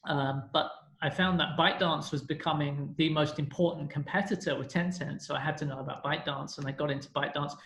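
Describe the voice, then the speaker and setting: A British man in his thirties from London, England, speaks fast with hardly any pauses, his gravelly voice fairly high-pitched, fairly bright and fairly even in intonation. He's a podcast guest telling his story in a rambling, self-correcting way during a casual storytelling interview. The room is echoey.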